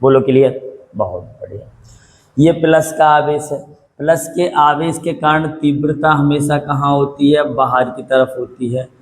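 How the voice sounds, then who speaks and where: Male physics teacher, patient call-and-response lecturing with slow dictation. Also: a little high, a little hiss or hum, rough recording. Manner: repetitive call-and-response questioning; patient, dictates slowly for note-taking. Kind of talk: classroom lecture.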